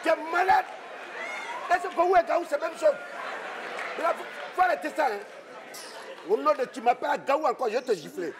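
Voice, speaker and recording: A man with an Ivorian French accent performing a comedy sketch, touchy and quick to burst into indignant shouting. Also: in a large hall, crowd noise. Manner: touchy, explodes into high-pitched shouting. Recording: stage recording with audience and noise.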